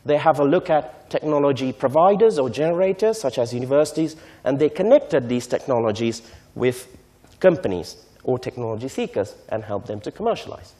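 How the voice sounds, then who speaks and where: A man, lecturing to a conference audience in a mellow voice of middle pitch. He explains things step by step and keeps checking in with his listeners. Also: expressive. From Sri Lanka. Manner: measured, explanatory, often checks in with "right?". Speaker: invited speaker on technology transfer.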